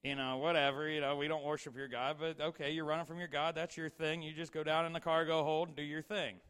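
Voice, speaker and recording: A man's voice: a little high, level tone, fast, a bit bright, smooth, lightly acted. A man voicing a group of laid-back pagan sailors, offhand and dismissive. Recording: long hall reverb.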